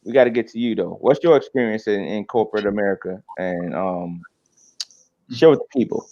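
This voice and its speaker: A man in his forties hosting a casual podcast chat, joking and animated. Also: on the low side, a little fast, no echo. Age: 40s. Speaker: host. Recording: dull, dry lo-fi sound.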